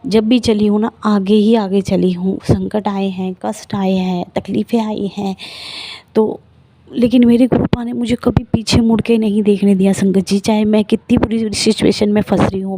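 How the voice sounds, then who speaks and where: Woman, middle-aged, devotional testimony, earnest and emotional, mellow tone, dry close sound. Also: mid-range voice, dry recording. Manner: emotional, earnest storytelling, addresses listeners as sangat ji.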